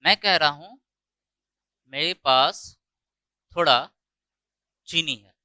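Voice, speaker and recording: A man with an Indian accent teaching an English grammar lesson, explaining step by step and repeating words slowly for emphasis. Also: fairly high pitch, bright, forceful tone, dry recording, low-quality recording. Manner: explains step by step, voices student doubts himself. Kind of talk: classroom lecture.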